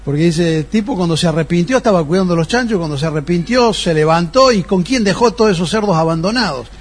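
A male pastor delivers a teaching sermon in a fairly high voice. His tone is husky and a little breathy. He keeps drawing the listeners in with rhetorical questions. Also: lively intonation, fast talker.

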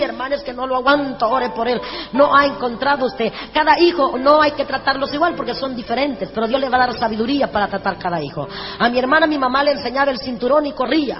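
A woman preacher telling lively, humorous stories in a sermon, acting out the dialogue. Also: sits high. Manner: animated, humorous, acts out dialogue. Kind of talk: storytelling sermon. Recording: echoey hall, dull sound, music behind.

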